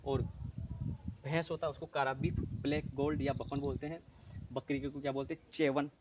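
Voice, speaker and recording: A man's voice: medium pitch, level tone, normal speed, noisy background. A male teacher running an exam-prep lesson, repeating terms, asking and answering his own questions, often correcting himself.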